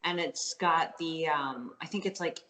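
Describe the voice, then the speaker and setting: A woman's voice: sits low, unhurried, a bit bright, roomy sound. A young woman with a Canadian accent, chatting casually as an interview guest, full of likes and ums. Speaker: guest athlete.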